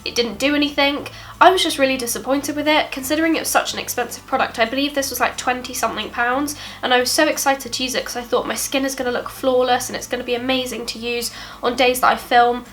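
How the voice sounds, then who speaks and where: Fairly high and fairly bright, this young British woman's voice comes through a stuffy, cold-clogged nose as she casually reviews a product for her beauty vlog. She sounds subdued and apologetic, chatting along with plenty of fillers.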